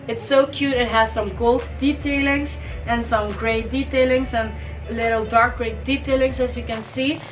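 Faint music runs beneath a fairly high-pitched voice with fairly even intonation at a moderate pace. It belongs to a young Caribbean fashion vlogger, upbeat and chatty, doing a casual shopping haul vlog indoors in her bedroom while she has a cold that may crack her voice.

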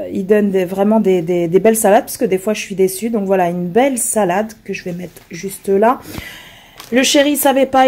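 Chatty hoarse woman, soft-toned. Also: fairly high pitch. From France. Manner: chatty, rambling, many fillers and restarts. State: hoarse from illness. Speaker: vlogger showing her groceries. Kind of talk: casual chat to camera.

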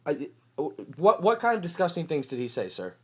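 A man's voice: a little high, wildly swooping pitch, moderate pace, fairly bright tone, husky. A man on a phone call as a staff member, stammering and overly polite.

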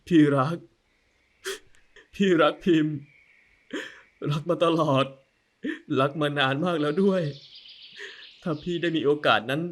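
Tender young lover played by a man, soft, low, soothing, audio novel. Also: takes it slowly, long pauses.

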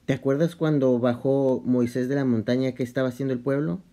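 A man explaining a Bible study in a casual vlog, talking halting and conversational with many restarts and English slang mixed in. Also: medium pitch, fairly even intonation, mellow. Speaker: vlogger.

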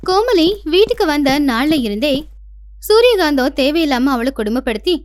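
A woman narrating a cartoon story in a plain, steady scripted storytelling manner. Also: sits high, moderate pace, a little hiss or hum.

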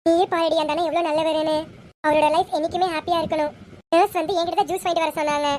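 A high voice, pushed a little lower than her usual, for an earnest young woman full of gratitude. She speaks in an admiring, insistent way in an amateur serial, put on by a woman. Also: level tone, very fast, darkish tone, a little hiss or hum.

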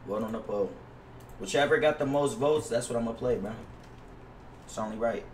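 Brisk and medium-pitched, a young American man chats casually with his livestream audience as a game streamer. He's profane and slangy and tends to repeat himself. Recorded on a gaming headset mic at his indoor gaming setup, the audio is roomy, distant, and noisy.

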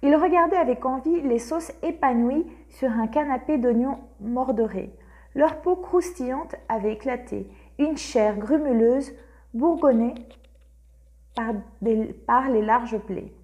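A woman narrating a literary audiobook in a measured, expressive way. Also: high voice. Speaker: audiobook reader.

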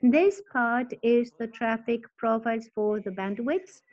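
A woman giving a technical presentation in a halting, stop-start way, interpreting for the speaker. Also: on the high side, expressive, a little mellow. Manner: halting, stop-start delivery while explaining. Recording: dull lo-fi webinar audio.

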